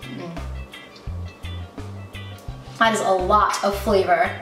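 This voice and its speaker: A woman hosts a casual cooking vlog as a recipe-testing vlogger, chatting in an upbeat way through step-by-step recipe instructions. Her mid-range, slightly bright voice moves slowly with fairly even intonation. The recording has a roomy echo and faint background music.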